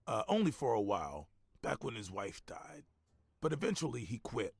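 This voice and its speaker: A chatty, leering older man who works in a gym in a noir game. His voice is raspy and very animated, folksy in manner, recorded close and dry. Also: medium pitch, moderate pace, no echo, exaggerated voice. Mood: gossipy, lively. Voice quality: raspy, gravelly.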